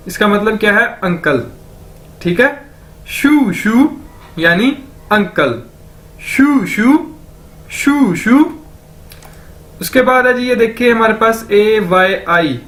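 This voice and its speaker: Slow, high-voiced man teaching vocabulary. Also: pushed and bright. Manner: repeats each word slowly several times; asks questions then answers them himself. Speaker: language teacher. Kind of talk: step-by-step vocabulary lesson.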